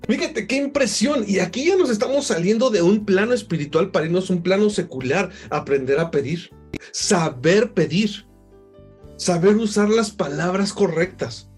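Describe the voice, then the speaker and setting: A man preaching a sermon as a pastor, animated and rising on key phrases. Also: sits high, breathy edge.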